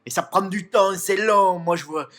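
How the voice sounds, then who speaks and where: A man's voice: sits high, moderate pace, fairly bright tone. A young man hamming up a crude, boastful macho persona in a comic beauty tutorial, recorded at home in his bathroom. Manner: crude, boastful macho bravado, tagging lines with "hein". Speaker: comedy YouTuber in character.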